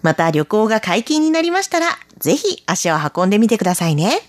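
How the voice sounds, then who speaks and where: A woman presenting a radio travel segment, gently explaining a sightseeing spot and giving friendly recommendations. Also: mid-range voice, big pitch swings, fairly quick, dry recording. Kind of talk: scripted travel narration.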